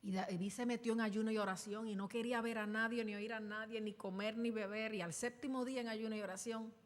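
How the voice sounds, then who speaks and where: A woman's voice: a little high, steady tone, brisk. Woman preaching in an echoing church. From Puerto Rico. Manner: dramatic preaching, acting out quoted voices with sudden loud bursts. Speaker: pastor. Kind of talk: sermon. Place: church sanctuary. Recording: long reverb in a church hall.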